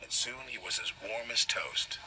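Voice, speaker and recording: A man narrating a toy-train storybook in an expressive read-aloud manner. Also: medium pitch, normal speed, background noise.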